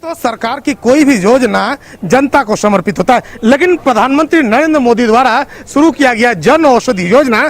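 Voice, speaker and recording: Male field reporter, high voice, halting piece to camera. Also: expressive.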